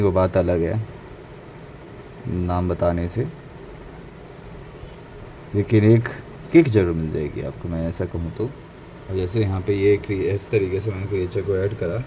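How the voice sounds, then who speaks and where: A man's voice: sits low, dark tone, low-quality recording. A man narrating a casual painting tutorial, mixing Hindi and English and correcting his own slips as he goes. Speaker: painting instructor. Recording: faint background noise.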